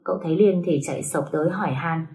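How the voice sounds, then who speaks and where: A woman storyteller reading a dramatic tale with a brisk, matter-of-fact delivery. Her voice sits slightly low. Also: mellow, poor audio. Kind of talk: scripted story narration.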